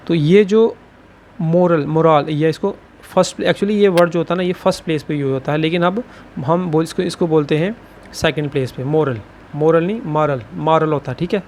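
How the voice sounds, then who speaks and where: Guy teaching shorthand, kinda high voice, says theek hai all the time, bit of hiss. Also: darkish tone. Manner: says "ठीक है" after nearly every phrase, repeats words slowly. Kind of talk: explaining lesson.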